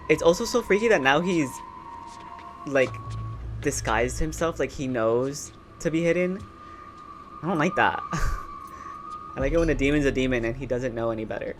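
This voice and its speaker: A man with a sassy, slangy drag queen manner giving casual reaction commentary, with a show playing quietly behind him. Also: medium pitch, moderate pace, pauses often, soft background music. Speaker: reaction video host. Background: show audio playing quietly.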